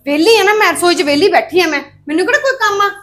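An actress with a Punjabi accent playing a sharp-tongued housewife who complains about doing all the chores. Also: female voice, very high-pitched, animated. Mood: complaining. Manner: quarrelsome, fast, complaining.

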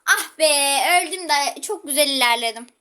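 Brief: woman gaming host, high pitch, chatty live commentary with sharp exclamations. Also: expressive, normal speed. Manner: chatty, exclaiming, talks to viewers while playing.

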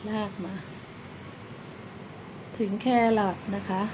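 A woman teaching kindergarten children in an online lesson. She coaxes them patiently and spells words out slowly, one letter at a time. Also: lo-fi sound. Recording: steady background noise.

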